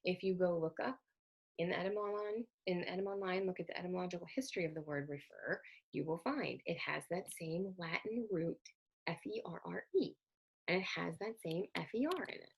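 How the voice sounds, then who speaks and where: A woman delivering a recorded slide lecture on words, her voice a little low and gravelly with a husky edge. She explains step by step, spells out letters and corrects herself as she goes. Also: a little fast. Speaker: literacy educator presenting slides.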